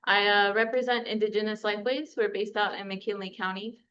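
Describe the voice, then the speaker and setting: A woman's voice: medium pitch, fairly even intonation, fairly quick, fairly bright tone, lo-fi sound. A young woman from New Mexico speaking at a press conference as a community organizer, her voice nervous and wavering at times. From Gallup, New Mexico.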